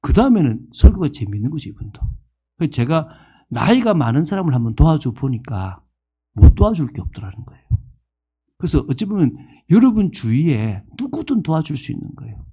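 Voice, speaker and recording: Pastor, man in his fifties, sermon delivery, animated and questioning, warm and husky tone. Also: on the high side, fairly quick. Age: 50s. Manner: animated, asks the congregation questions and acts out quoted people.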